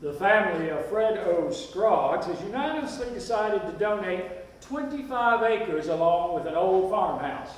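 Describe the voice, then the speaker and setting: On a festival stage, a man with a high, lively voice plays sincere rural farmers pledging their labor and land, reciting formally and declaratively at a moderate pace. The mic is distant and the hall echoey.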